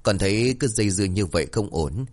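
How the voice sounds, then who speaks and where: A man voicing a gentle, caring young woman who speaks softly and coaxingly. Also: on the low side, animated, fast. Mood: worried. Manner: soft, coaxing.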